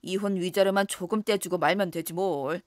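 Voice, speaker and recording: A woman voicing a scheming husband and son in a voice drama, smooth-talking and coaxing. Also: steady tone, normal speed, no echo, studio quality, natural voice. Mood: dismissive. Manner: coaxing, lowered voice.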